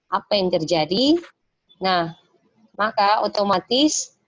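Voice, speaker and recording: A woman teaching an online Mandarin lesson in a patient manner, explaining step by step and saying words slowly for her students to copy. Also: medium pitch, no room sound, lo-fi sound. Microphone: video call.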